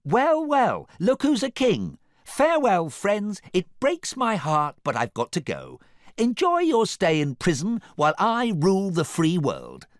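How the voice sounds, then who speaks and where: Storybook villain prince, read by a man: gloating, theatrical, commanding, pitched well above a normal talking voice. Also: wildly swooping pitch, a little slow, few pauses, bright, forceful tone, no room sound, studio quality, exaggerated voice. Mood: mock sorrow. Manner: declamatory, imperious.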